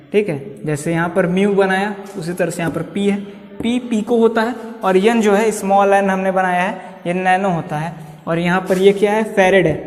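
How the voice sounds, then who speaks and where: High-voiced physics teacher in a roomy space. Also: male voice. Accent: Uttar Pradesh Hindi. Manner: repeats key terms with many "ठीक" checks, coaxing students. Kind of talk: blackboard lecture.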